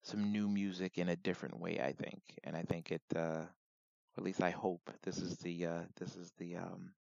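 A man with a raspy, gravelly voice giving informal solo commentary as a host, in a measured, reflective way with deliberate pauses. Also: deep voice, a little mellow, no room sound, lo-fi sound.

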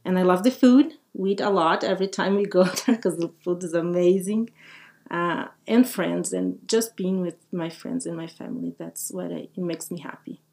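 A woman's voice: fairly low pitch, moderate pace, vocal fry, a little mellow. A woman from Brazil, speaking as a podcast guest in friendly, simple phrasing with frequent laughs. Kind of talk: casual interview talk.

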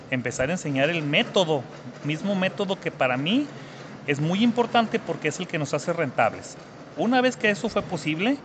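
A man's voice: a little high, slight background noise. Earnest Mexican man in his thirties. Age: 30s. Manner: earnest, repeats words for emphasis. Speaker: guest entrepreneur. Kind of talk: interview answers.

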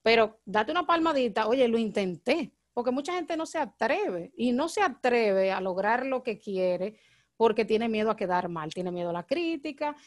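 A married woman, hosting a casual podcast chat and talking very fast and excitably. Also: a little high, no room sound, studio quality. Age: adult, married. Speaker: podcast host.

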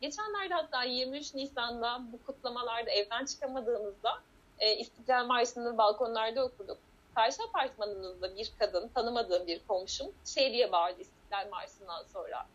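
A woman with a high, breathy-edged voice talks earnestly and reflectively as a guest. The recording is dull and lo-fi. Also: normal speed. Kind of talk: casual conversation. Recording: dull lo-fi sound.

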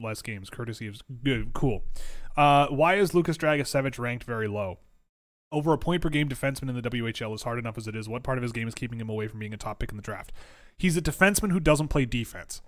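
Rambling man losing his voice. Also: mid-range voice. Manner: rambling, self-interrupting, filler-heavy. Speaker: hockey draft analyst answering viewer questions. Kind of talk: casual livestream Q&A.

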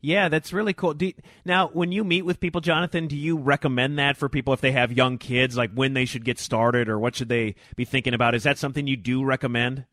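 A man's voice: mid-range voice, fairly even intonation, fairly quick, hardly any pauses, fairly bright tone, no room sound, clean studio sound. An American man hosting a casual interview, informal and rephrasing his questions as he goes. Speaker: podcast host.

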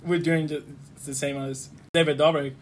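Halting, slightly high-voiced man. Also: level tone, slight background noise. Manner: halting, with restarts, laughs along. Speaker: podcast co-host. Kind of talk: casual podcast chat.

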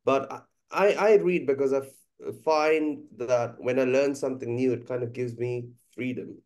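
In a conversational podcast interview, a Bengali-speaking guest from India, a musician and teacher, speaks with medium pitch, fairly even intonation and a darkish tone. His pace is measured and reflective, and he pauses often with "uh."

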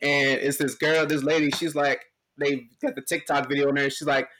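A man chats with friends and retells stories with plenty of life, acting out the people he quotes. His voice sits a bit high for a man. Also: moderate pace, slight background noise. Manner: animated storyteller, acts out quotes. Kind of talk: casual podcast chat.

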